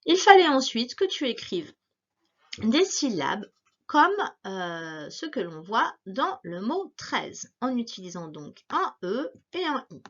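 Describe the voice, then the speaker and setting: A woman teacher reads a dictation to young pupils, pronouncing every word slowly and saying it twice. Her fairly high voice rises and falls in a lively singsong way. The recording sounds dull and lo-fi. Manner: slow, carefully articulated, repeating each word.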